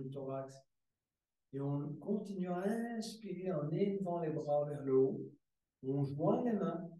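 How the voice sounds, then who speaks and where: Calm man guiding yoga in echoey room. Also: a little high. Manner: calm, slow step-by-step breathing cues with soft repetitions. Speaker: yoga teacher. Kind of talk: guided yoga class instruction. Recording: very echoey room, mic far away.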